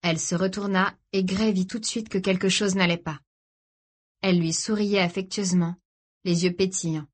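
A woman audiobook narrator reads a novel aloud at medium pitch, her scripted delivery calm and measured.

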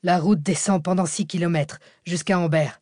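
A woman's voice: on the low side, fairly even intonation, moderate pace, dark tone, no room sound, clean studio sound, close to an everyday voice. A woman reading an audiobook, voicing a terse, sardonic male fugitive behind the wheel. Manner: terse, clipped replies. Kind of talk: audiobook character voice.

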